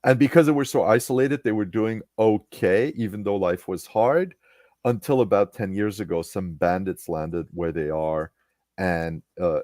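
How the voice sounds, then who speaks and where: A man's voice: low-pitched, a little mellow, no room sound, clean studio sound. A man hosting a casual online chat, recapping a tabletop game he ran, with lots of restarts and fillers. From Canada. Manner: halting, many restarts and fillers. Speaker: podcast host and game master.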